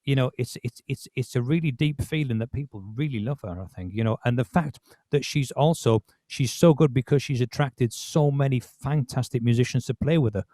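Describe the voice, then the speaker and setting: A man's voice: medium pitch, fairly quick, mellow, dry recording, clean studio sound. A man hosting a podcast, talking casually about music with many restarts. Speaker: podcast host.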